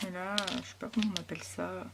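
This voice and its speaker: A woman hosting a casual scrapbooking haul, talking softly and hesitantly with frequent fillers. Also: on the low side, fairly even intonation, fast talker, gravelly, very noisy. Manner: soft, hesitant, lots of fillers. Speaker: scrapbooking vlogger. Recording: packaging crinkles and clicks behind.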